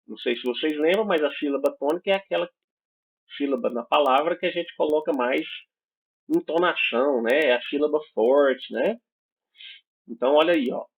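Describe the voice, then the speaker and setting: Brazilian teacher on a tinny line. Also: male voice, fairly high pitch, moderate pace, gravelly, slightly rough. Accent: Brazilian Portuguese. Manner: explanatory, checks in with frequent "certo?" and "né?". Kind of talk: recorded online class. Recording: tinny phone-like audio.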